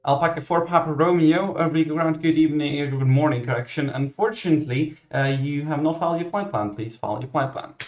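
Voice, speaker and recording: A man working as a ground controller, giving clearances and commentary in a halting, self-correcting way. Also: a little high. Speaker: virtual air traffic ground controller. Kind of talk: radio clearances and explanatory commentary. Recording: muffled, roomy microphone sound.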